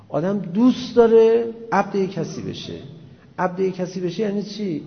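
A man's voice: a little high, gravelly, in a large hall, lo-fi sound. A man giving a religious lecture in a conversational way, full of rhetorical questions and acted-out dialogue. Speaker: preacher.

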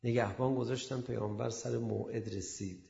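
A man preaching a storytelling sermon, acting out the people in it and swinging from hushed asides to loud emphasis. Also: medium pitch, creaky, slight background noise. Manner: animated, acts out quoted speakers. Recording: echoey dull lo-fi room sound.

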